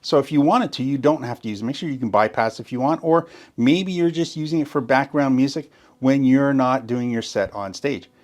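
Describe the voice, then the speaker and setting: This man's darkish, mid-range voice moves a little fast with hardly any pauses as he demonstrates gear. He guides viewers through a sound system setup one step at a time, enthusiastic and explanatory, repeatedly pointing out what's very important.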